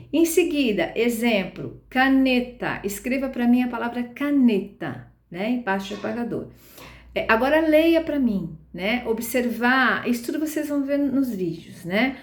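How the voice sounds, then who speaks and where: A woman's voice: a little high, lively intonation, unhurried, roomy sound. A woman teaching a class on early literacy, explaining step by step with patient, frequent check-ins to her listeners. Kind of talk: explanatory lecture.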